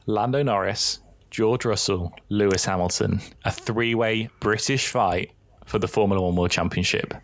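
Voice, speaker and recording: Low-voiced man, excitable podcast co-host. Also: moderate pace, dry recording. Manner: excitable, animated banter. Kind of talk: casual chat.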